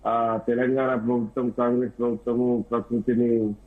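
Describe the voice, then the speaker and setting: Man, debate guest analyst, husky voice, rambling halting speech, tinny phone-line recording. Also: medium pitch, little pitch movement. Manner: halting, rambling speech with many fillers and restarts. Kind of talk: live debate commentary.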